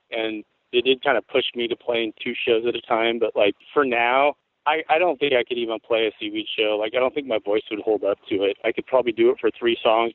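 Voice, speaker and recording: This guest musician, a man in his forties from Tacoma, Washington, chats casually on an interview show, telling loose, relaxed stories peppered with swearing. His rough, worn voice sits in the mid range. It comes through a tinny, phone-like line that is dry, with no room sound.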